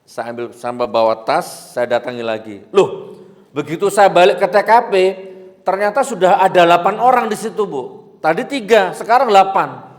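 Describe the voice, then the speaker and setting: A male preacher, telling stories in a sermon and swinging between loud exhortation and hushed asides. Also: high voice, moderate pace. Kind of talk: storytelling sermon. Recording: echoey hall with long reverb.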